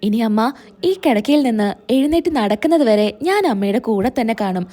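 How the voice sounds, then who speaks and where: A woman voicing a gentle, devoted young daughter-in-law who speaks reassuringly. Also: a little high, lively intonation, normal speed. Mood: caring.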